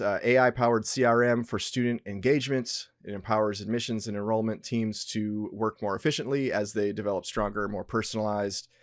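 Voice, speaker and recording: A man's voice: fairly low pitch, dry recording. Upbeat male podcast host, dry sound. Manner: upbeat, filler-heavy, trailing off at phrase ends. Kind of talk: conversational podcast interview.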